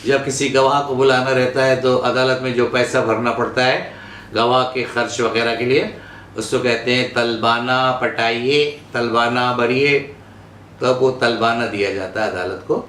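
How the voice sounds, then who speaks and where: Male Urdu pronunciation teacher, very slow and deliberate, roomy echo, faint background hum. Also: medium pitch, fairly even intonation, a bit bright. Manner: deliberate, repeats each word and gives its meaning. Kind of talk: slow word-by-word pronunciation lesson. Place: studio.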